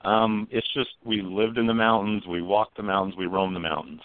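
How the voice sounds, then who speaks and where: A man with a lowish voice tells his story in an earnest, unhurried way. The sound is dry and thin, like a phone line. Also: fairly even intonation, smooth, no echo. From American mountain country. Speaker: guest. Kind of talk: storytelling on a talk show.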